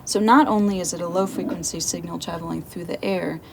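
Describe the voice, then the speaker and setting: A woman's voice: on the low side, steady tone, a little fast. A woman scientist giving a conversational expert explanation in a documentary interview. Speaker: elephant behaviour scientist, interviewee. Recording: clear background ambient noise.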